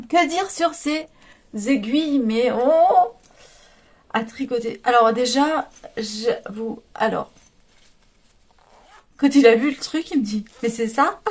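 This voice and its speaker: Brief: French woman vlogger, chatty and rambling, laughs a lot, fairly high voice, casual home chat. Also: darkish tone. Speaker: knitting vlogger.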